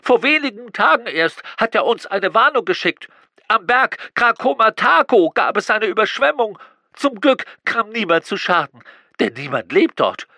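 A man voicing a panicked, croaking government caller pleading for help in an audiobook. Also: sits high, big pitch swings, moderate pace, pushed and bright, no room sound, studio quality, pitched above the performer's own voice, exaggerated voice. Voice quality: croaky, gravelly. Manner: urgent, pleading. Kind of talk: audiobook character voice.

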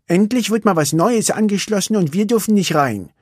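A man putting on a restless little racer girl with a high, cheeky voice, swinging up and down a lot. The voice sounds husky and close, with a dry sound. A storybook reading. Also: lively intonation, moderate pace, no room sound. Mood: bored, wistful.

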